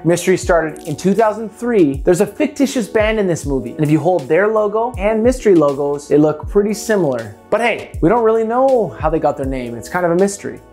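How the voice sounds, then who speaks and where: A woman's voice: medium pitch, a little mellow. A woman with a Canadian accent hosting a playful, jokey scripted list narration. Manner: playful, jokey, laughs at own slips. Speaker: host.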